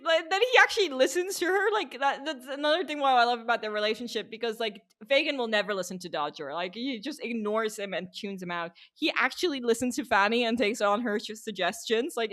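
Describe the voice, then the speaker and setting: A woman co-hosting a podcast, talking in a fairly high voice. She chats loosely and keeps restarting sentences, with lots of filler words. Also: fairly bright tone. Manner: chatty, full of "like" fillers and restarts. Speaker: podcast co-host. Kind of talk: casual chat.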